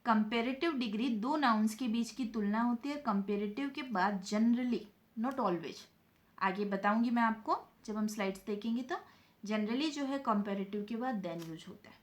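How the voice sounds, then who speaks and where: A fairly high-voiced woman teaches a grammar lesson. She explains each rule step by step, putting questions to her students and answering them herself. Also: moderate pace.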